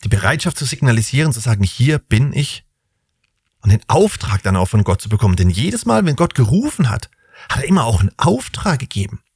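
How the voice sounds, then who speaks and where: A man's voice: medium pitch, very animated, quick pace, breathy edge, dry recording, clean studio sound. A man hosting a Bible podcast, teaching in a casual, reflective way and asking rhetorical questions.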